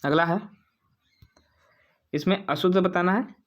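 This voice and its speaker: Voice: mid-range voice, fairly even intonation, unhurried. A teacher walking through exam spelling questions, asking the viewers and then answering, repeating each word several times. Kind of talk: exam-prep quiz walkthrough.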